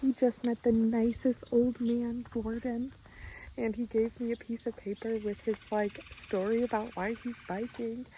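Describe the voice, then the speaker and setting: A woman's voice: fairly high pitch, flat delivery, unhurried, dark tone, a little hiss or hum, poor audio. A woman from Missouri chatting casually to the camera outdoors on a trail, talking to her dog as she goes. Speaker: vlogger. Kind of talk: casual on-camera vlog chat.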